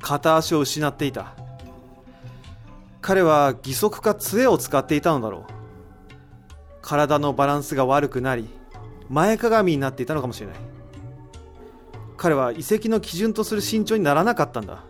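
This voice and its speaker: A voice actor in an amateur audio drama plays an analytical figure who works through a mystery, explaining his deductions with assurance and posing rhetorical questions. His voice sits on the high side, expressive and at normal speed, with long pauses, faint background music, and a sound close to everyday speech.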